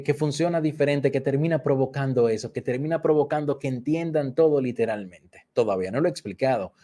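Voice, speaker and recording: Calm man teaching a workshop. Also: medium pitch. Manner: patient, repeats key points, addresses audience directly; acts out children's repeated phrases. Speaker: instructor. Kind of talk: explanatory workshop lesson.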